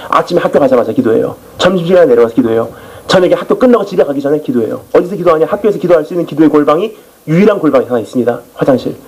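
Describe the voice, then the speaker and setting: Male missionary preacher, lively sermon delivery, somewhat high and husky. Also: rapid-fire, rough recording. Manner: animated storytelling testimony. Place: church.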